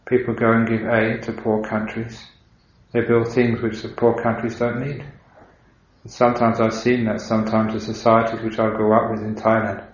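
An Englishman who is a Buddhist monk, giving a dharma talk in an unhurried, reflective storytelling way with gentle humor. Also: on the low side, level tone, slight background noise. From England. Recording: dull, roomy recording.

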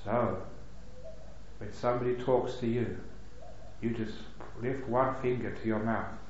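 A man gives a calm, unhurried dharma talk as a meditation teacher at a retreat, with light humor. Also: mid-range voice, slight background noise. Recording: echoey hall, dull lo-fi sound.

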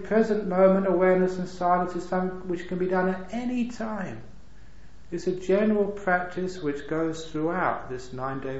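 A man gives a calm, unhurried dharma talk as a meditation teacher at a retreat, with light humor. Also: a little high. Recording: echoey hall, dull lo-fi sound.

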